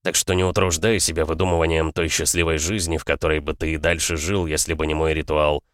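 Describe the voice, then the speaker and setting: A man voicing a calm older aristocrat father in an audiobook, measured and coldly matter-of-fact. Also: rumbling low, dry recording, clean studio sound. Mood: cool. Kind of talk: audiobook character voice.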